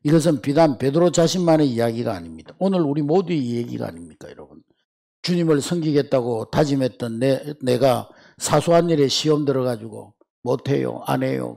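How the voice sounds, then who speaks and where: A man preaches a sermon as pastor, his voice sitting a little high with a gravelly edge. He speaks with emphasis and keeps calling out to the congregation. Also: darkish tone.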